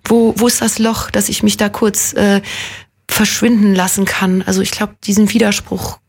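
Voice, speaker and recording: A woman's voice: medium pitch, level tone, normal speed, slightly rough. A woman in her thirties from Munich, an actress guest chatting casually in a radio interview, self-deprecating, with many fillers and restarts. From Munich, Germany.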